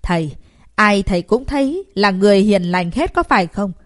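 A woman voicing a proud young female martial artist who talks back forcefully and indignantly. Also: medium pitch, lively intonation, moderate pace, lightly acted.

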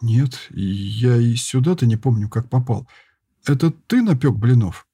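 A man's voice: medium pitch, expressive, unhurried, dark tone, husky, no room sound, studio quality. A man doing a curious, prickly boy. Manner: curious, snapping back.

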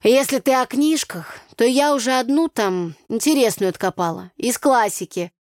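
Lady doing a brash village girl, loud and high, tossing out proverbs, dry close sound. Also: normal speed, no room sound, lightly acted. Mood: boisterous. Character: lively village girl full of folk sayings.

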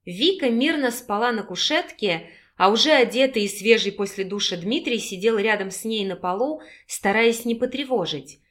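A woman's voice: fairly high pitch, expressive, normal speed, hardly any pauses, fairly bright tone. Woman narrating a romance audiobook. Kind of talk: scripted narration.

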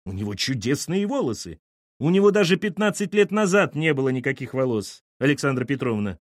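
A man's voice: medium pitch, big pitch swings, brisk, dry recording, studio quality, pitched above the performer's own voice, lightly acted. A man voicing a proud, defensive mother-in-law who insists indignantly in an audiobook. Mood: insistent.

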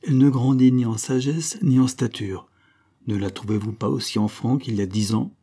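A man's voice: medium pitch, normal speed, mellow, natural voice. A man voicing a genial older nobleman, a count, with a jovial, teasing manner.

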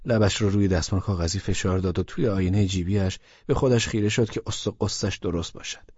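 A man's voice: sits low, a little mellow, slightly rough, no room sound, highs cut off. A man narrating a first-person audiobook in a wry, colloquial storytelling manner.

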